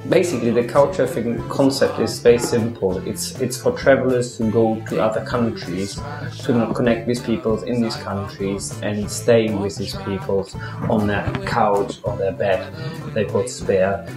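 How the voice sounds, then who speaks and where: Male interviewee, local organizer, chatty and halting, roomy sound, music clearly underneath. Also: fairly low pitch, steady tone. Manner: chatty, searching for words. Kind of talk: documentary interview.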